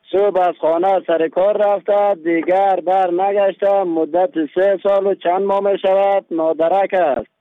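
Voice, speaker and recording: A man's voice: sits high, no room sound. A man from Afghanistan giving a formal missing-person announcement over a radio phone line. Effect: heard over a radio phone-in line. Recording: tinny, narrow phone line.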